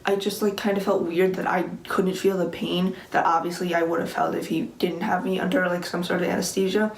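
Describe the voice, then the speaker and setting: Female vlogger, late teens, slightly low pitch, informal rambling storytime delivery, echoey room sound. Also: level tone, a little fast. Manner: rambling, conversational, peppered with "like". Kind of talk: casual personal storytime to camera. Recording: echoey room with faint background noise.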